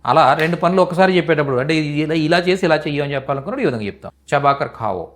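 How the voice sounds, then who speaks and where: A man's voice: a little high, lively intonation, racing. A man teaching in a live online language class, repeating each phrase patiently for students. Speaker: Hindi teacher.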